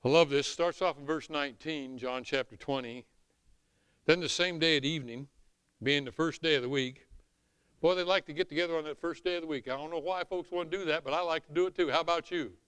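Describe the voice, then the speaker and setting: A middle-aged or older man preaches with a Southern US accent. His voice is somewhat high, bright and clear, with a dry, close sound. He delivers scripture and commentary in a folksy, emphatic sermon style. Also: a little fast, dry recording. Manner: emphatic, folksy, swinging from hushed asides to shouts. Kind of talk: animated sermon with scripture reading.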